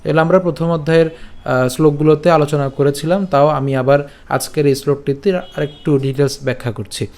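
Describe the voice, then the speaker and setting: A man's voice: fairly high pitch, little pitch movement, fast talker, darkish tone. Patient man teaching Sanskrit pronunciation. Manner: patient, repeats each syllable, checks understanding. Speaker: scripture recitation teacher. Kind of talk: slow syllable-by-syllable pronunciation lesson.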